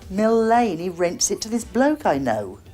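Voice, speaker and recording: An actress playing a blunt local cleaner, scornful and gossipy. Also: female voice, mid-range voice, big pitch swings, measured pace, mellow, soft background music. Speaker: office cleaner.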